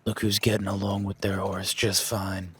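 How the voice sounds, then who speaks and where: A man gives a full character voice to a rugged cowboy ranch hand guiding a newcomer in an audio roleplay; the character is plain-spoken, folksy and easygoing, swearing casually at times. His low-pitched voice is a bit bright with a breathy edge, delivered flatly at normal speed.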